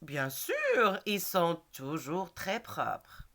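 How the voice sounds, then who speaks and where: A woman reading a schoolboy's lines from a textbook dialogue, clearly and deliberately. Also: fairly low pitch, wildly swooping pitch, a bit bright, pitched below the performer's own voice, exaggerated voice. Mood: proud. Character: cheerful schoolboy describing his school.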